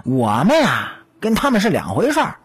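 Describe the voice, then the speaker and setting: Smug old weasel spirit guy, a lady doing him, husky and teasing, pitch all over the place. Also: wildly swooping pitch, normal speed, faint music behind, exaggerated voice. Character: cocky old male yellow weasel spirit. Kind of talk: storytelling audiobook.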